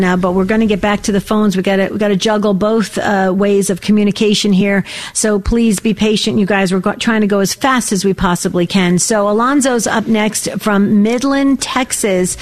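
Encouraging woman hosting a radio prayer show. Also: mid-range voice. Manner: encouraging, pastoral, rambling. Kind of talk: call-in radio talk. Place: radio studio.

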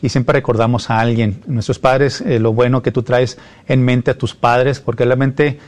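A man hosts an interview, asking questions in a friendly, chatty manner. His voice sits at an ordinary middle pitch. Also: steady tone, moderate pace, a little mellow. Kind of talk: conversational interview.

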